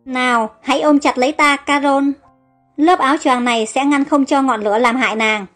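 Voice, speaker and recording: A woman's voice: sits high, fairly even intonation, normal speed, a bit bright, faint music behind. Woman reading a devoted young pharaoh. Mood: urgent. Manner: urgent, commanding.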